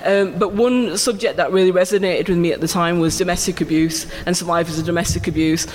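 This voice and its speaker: This photographer guest is a high-voiced man from England, Urdu his first language, speaking fast as an animated, laughing storyteller. The live stage conversation takes place at an arts venue before an audience, captured with hall reverb, faint ambience, and a little hiss or hum.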